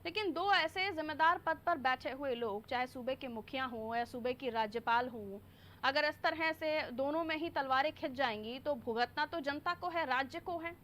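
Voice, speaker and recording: A woman's voice: high voice, moderate pace, fairly bright tone, slight background noise. A woman news anchor interviewing a guest on TV, pressing him with pointed follow-up questions.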